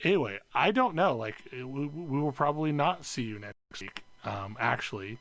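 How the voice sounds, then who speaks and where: A man's voice: medium pitch, lively intonation, normal speed, fairly bright tone. A man hosting a casual gaming podcast, rambling a little with fillers as he signs off. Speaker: podcast host.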